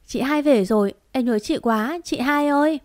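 A woman's voice: high voice, moderate pace, a little mellow, no room sound, studio quality, pitched above the performer's own voice, close to an everyday voice. A woman voicing a tearful young village boy who clings to his older sister, pleading in a raised voice. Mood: tearful, eager.

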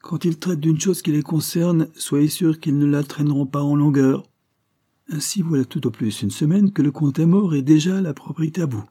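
A man's voice: fairly high pitch, moderate pace, mellow, slightly rough, pitched above the performer's own voice. A man reading aloud, voicing a blunt, blustering aging judge in a storybook. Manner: blunt, exclaiming.

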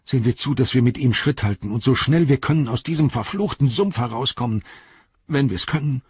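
A man's voice: mid-range voice, sing-song, moderate pace, slightly rough, no room sound, highs cut off, pitched above the performer's own voice, heavily acted. A man voicing a frightened but loyal hobbit servant in an audiobook, talking urgently and raising his voice. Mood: uneasy. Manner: urgent, exclaiming. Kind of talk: audiobook character voice.

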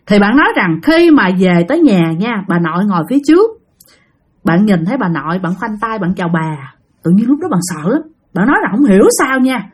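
A woman's voice: fairly high pitch, husky. A woman telling a ghost story in a chatty, repetitive way, talking straight to her listeners. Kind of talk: casual spoken ghost story told to listeners.

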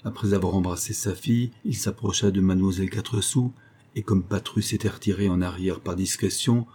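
A man reading a literary story aloud in an even, measured narration. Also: low voice, breathy edge. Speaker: audiobook narrator.

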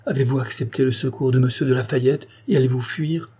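A man reading an audiobook voices an anxious, devoted lady's maid, speaking in a hushed, worried way. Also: medium pitch, fairly even intonation, brisk, slightly rough, lightly acted. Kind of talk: audiobook character voice.

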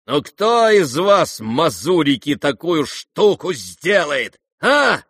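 A man voicing a wild, rowdy young merchant who shouts with boisterous, drawn-out delight. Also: low voice, flat delivery, vocal fry, breathy edge, no echo, clean studio sound, pitched below the performer's own voice, exaggerated voice. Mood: exultant rowdy.

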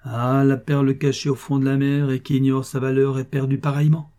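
A man reading aloud and voicing a shabby, sly old male bailiff's clerk who talks in a wheedling, grandly flattering way. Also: medium pitch, fairly quick, close to an everyday voice. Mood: sly, jovial.

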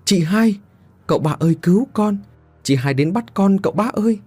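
A man's voice: fairly high pitch, sing-song, fairly quick, mellow, husky, no echo, soft background music, voice pushed up. A man voicing a frightened little village boy who whimpers and pleads. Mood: terrified.

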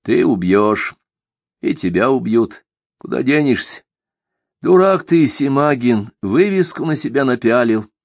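A man voicing an old, gentle and tired holy man who speaks patiently, in an audiobook. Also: mid-range voice, animated, unhurried, creaky, dry recording, studio quality, pitched above the performer's own voice. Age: older. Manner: soft, patient, calls others "son".

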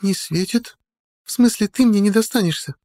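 A spoiled, pushy young rich girl from an audiobook, as a male narrator puts her on in falsetto. She pouts and wheedles, her voice pitched far above his own and sounding like a different person. She is girlish and demanding. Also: moderate pace, mellow. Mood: coaxing. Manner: pouting, wheedling. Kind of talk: audiobook character voice.

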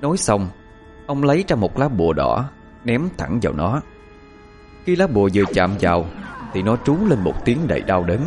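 Male horror narrator, low, animated, suspenseful. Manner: expressive, suspenseful. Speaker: storyteller.

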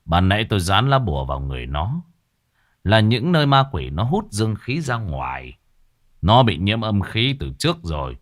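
A man voicing an old village exorcist who speaks in a stern, commanding, measured way. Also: on the low side, very animated.

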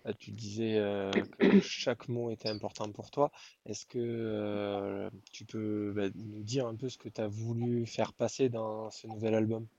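A man's voice: lowish voice, level tone, unhurried, a little mellow, lo-fi sound. A man interviewing a band, asking questions politely with hesitant fillers.

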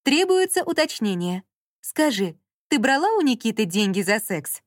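A woman's voice: on the high side, big pitch swings, normal speed, no room sound, studio quality. A woman doing a snide rude smart-speaker assistant.

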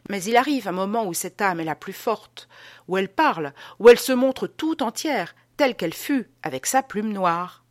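A woman's voice: mid-range voice, lively intonation, normal speed, no echo, clean studio sound, lightly acted. A woman reading the part of a pompous man who lectures with emphatic rhetorical questions.

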